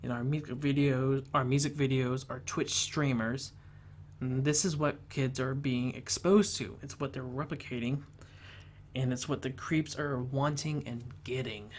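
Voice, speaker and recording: A man reviewing a film, talking earnestly and haltingly, often restarting his sentences. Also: mid-range voice, fairly even intonation, a little hiss or hum.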